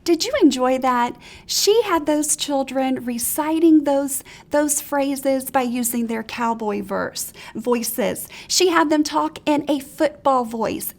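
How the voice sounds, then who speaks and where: A woman's voice: sits high, creaky. A woman teacher trainer giving an encouraging, practical seminar talk to preschool teachers. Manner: encouraging, practical, animated examples.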